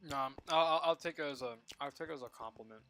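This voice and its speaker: A man's voice: mid-range voice, fast talker, fairly bright tone, soft background music. A tired young man chatting casually on a game stream, rambling, laughing and trailing off mid-sentence. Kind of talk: casual live-stream chat.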